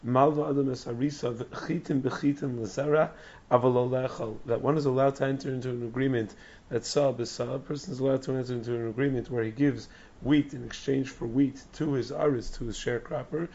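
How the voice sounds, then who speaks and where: A man teaching a Talmud class with a hoarse, raspy, strained voice that has nearly gone, reading text and explaining it. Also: medium pitch, fairly even intonation, brisk, a little mellow. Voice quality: raspy, strained, breathy croak. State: hoarse, lost voice. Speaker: religious teacher giving a daily Talmud class. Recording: dull, muffled lo-fi recording.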